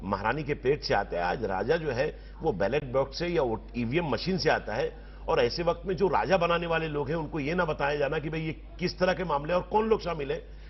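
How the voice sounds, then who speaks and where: High-voiced man arguing in a TV debate. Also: brisk, breathy edge. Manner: forceful, long rhetorical sentences. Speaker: political panelist. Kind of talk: televised debate argument. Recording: slightly dull TV broadcast audio.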